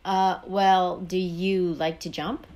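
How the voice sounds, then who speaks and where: A woman's voice: on the low side, little pitch movement, takes it slowly, a little mellow, lo-fi sound. A woman voicing a friendly, curious blue frog in a children's story.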